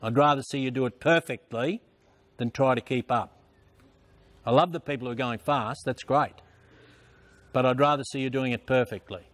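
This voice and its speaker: A man's voice: mid-range voice, moderate pace, long pauses, a bit bright. An older man working as a swim coach, calling out short, repeated drill instructions and counts across an indoor pool. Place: large indoor swimming pool. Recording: noisy indoor pool, splashing ambience.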